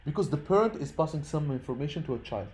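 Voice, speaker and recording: Speaking fast in a fairly high, expressive voice with a darkish tone, a man gives an informal programming lesson. He walks through it step by step, repeating words and making sure everyone follows, in English, which is his third language rather than his native one.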